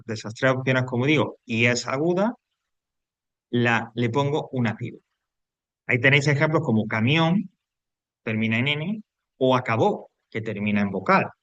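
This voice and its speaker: A man's voice: mid-range voice, fairly bright tone, dry recording, highs cut off. A man from teaching a grammar lesson, explaining patiently, repeating points and checking in with his students. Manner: explanatory, repeats himself, frequent tag questions.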